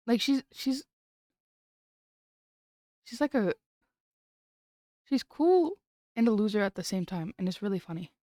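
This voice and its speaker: A woman's voice: on the high side, takes it slowly, long pauses, mellow, no echo, clean studio sound. A young woman chatting casually on a late-night stream, giggly and rambling, often trailing off and restarting.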